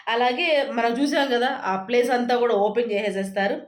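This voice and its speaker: Fast-talking woman in a roomy echo. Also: on the high side. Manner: chatty, rapid retelling with many fillers. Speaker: reality show recap vlogger. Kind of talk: casual spoken recap.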